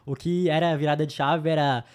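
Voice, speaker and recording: A man's voice: a little high, steady tone, a little fast, a little mellow. A young man with a Brazilian accent co-hosting a podcast, explaining things in a matter-of-fact casual chat. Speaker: podcast co-host.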